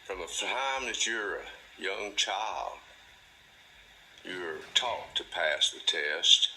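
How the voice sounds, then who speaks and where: A man hosting a monologue, talking slowly and deliberately in a drawling, folksy way. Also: lively intonation, bright, forceful tone, slight background noise, poor audio. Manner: drawling, folksy, mimics a delighted parent in a high voice; slow, deliberate delivery. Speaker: host. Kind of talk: monologue to camera.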